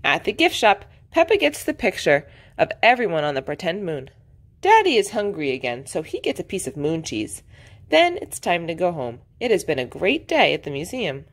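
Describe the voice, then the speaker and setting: A woman preschool teacher reading a picture book aloud to young children in an expressive, sing-song way. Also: on the low side, normal speed. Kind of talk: storybook read-aloud.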